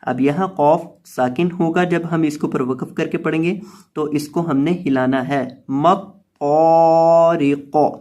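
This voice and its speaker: Male Quran reading teacher with a Pakistani Urdu accent and a somewhat high voice; patient, spells out letters and stretches each syllable. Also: steady tone, darkish tone. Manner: patient, repetitive explaining, stretches recited syllables slowly. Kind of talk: slow tajweed lesson, spelling out letters and drawing out syllables.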